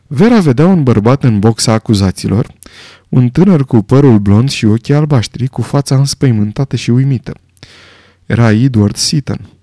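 With a medium-pitched voice, a man narrates a novel for an audiobook, following the script with measured, expressive storytelling. The studio-quality audio carries no room sound.

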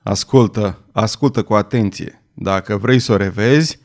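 Brief: man playing an audiobook villain lord, low, hoarse, threatening. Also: lightly acted. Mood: commanding. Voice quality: thick, hoarse voice. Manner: low, menacing, clipped commands. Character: brutal nobleman villain, cold and commanding.

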